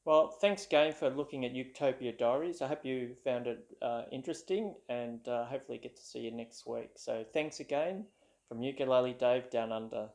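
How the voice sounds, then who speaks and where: A man's voice: medium pitch, moderate pace, a little mellow. An Australian man telling a casual, rambling story to camera, with plenty of ums and uhs. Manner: rambling, with many fillers. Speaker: ukulele vlogger.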